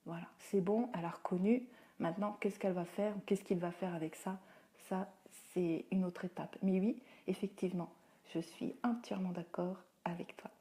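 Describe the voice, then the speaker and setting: Woman, parenting coach, mellow tone, chatty live Q&A, talks with lots of "euh". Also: on the low side, fairly even intonation, normal speed. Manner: chatty, answers viewers' comments, many fillers; acts out what she tells children. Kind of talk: Facebook live Q&A, casual advice. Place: at home.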